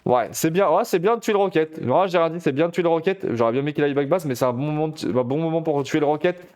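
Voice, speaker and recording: Guy casting an esports match, fairly high voice, chatty, gets loud and hyped. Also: fast talker. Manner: chatty, excitable, addresses viewers directly. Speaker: esports caster. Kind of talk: live game commentary.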